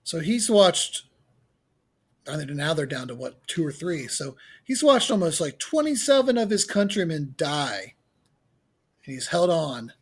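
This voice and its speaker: A man's voice: fairly high pitch, sing-song, a little slow, husky. A man co-hosting a podcast, ranting emphatically about a film with some profanity. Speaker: podcast co-host. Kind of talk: casual film-review chat.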